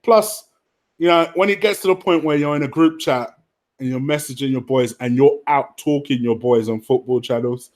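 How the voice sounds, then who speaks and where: Speaking at a moderate pace in a mid-range voice, this football fan show host chats loosely with his livestream audience, plain-spoken, meandering and full of curses.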